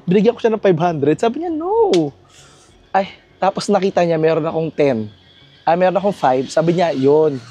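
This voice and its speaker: A young man from the Philippines vlogging casually to camera from his lodging, telling a travel story in an animated way with laughs. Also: a little high. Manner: chatty, animated storytelling with laughs and self-mocking asides. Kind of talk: casual vlog talk to camera.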